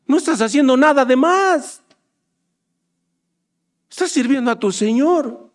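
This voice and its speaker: Impassioned high-voiced preacher man. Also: animated, unhurried. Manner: impassioned, swinging from soft low asides to loud urgent exhortation. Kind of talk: sermon.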